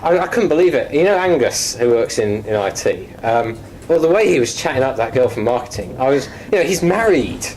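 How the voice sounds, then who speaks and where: A man with a British accent, a guest on a mock chat show, talking in a hesitant, wry way with many pauses. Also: medium pitch, sing-song, a little mellow, slight background noise, low-quality recording. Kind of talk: casual chat. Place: office.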